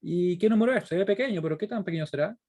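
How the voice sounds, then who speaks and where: Very fast and warm in tone, this slightly high-pitched male lecturer with a Chilean accent teaches university students by working through examples aloud. He is didactic and keeps pausing for short check-in questions.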